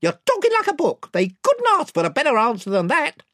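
A man's voice: very high voice, wildly swooping pitch, brisk, sharp tone, no room sound, clean studio sound, voice pushed up, heavily acted. A man voicing an eager, simple-minded follower in a storybook, repeating himself in sycophantic agreement. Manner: repetitive, sycophantic.

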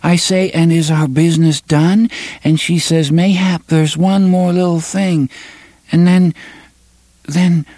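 A man voicing an entranced young woman in an audiobook, speaking in a faint, dreamy, slow way. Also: on the high side, steady tone, dark tone, dry recording, studio quality, pitched above the performer's own voice. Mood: dreaming.

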